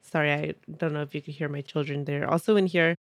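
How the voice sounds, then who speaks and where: A woman's voice: low-pitched, steady tone, fast. A woman hosting a podcast who sounds stuffy and nasal from a cold, chatting casually, laughing easily and reading a listener's story aloud. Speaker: podcast host.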